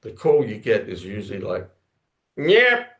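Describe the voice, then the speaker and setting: A man's voice: on the low side, unhurried, gravelly, darkish tone. A man giving a scripture class, telling a story in a rambling way, often correcting himself and acting out sounds with his voice. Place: temple lounge class, indoors.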